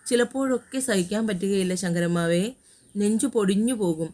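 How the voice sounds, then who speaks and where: A woman voicing a young woman who is sad but holding firm, speaking quietly and earnestly in an audio story. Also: medium pitch, fairly quick, natural voice. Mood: pained.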